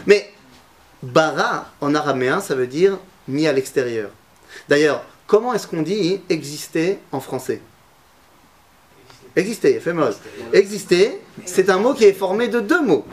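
A man's voice: on the high side, big pitch swings, unhurried. A man teaching a Torah lesson to a class, asking his students questions and mixing Hebrew terms into his talk.

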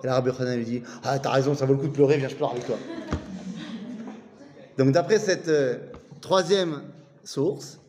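In a big-room recording, a man of medium pitch speaks at normal speed with a mellow tone and long pauses. He's a teacher leading a casual study lesson, reading old Aramaic texts aloud and retelling them in chatty, joking French.

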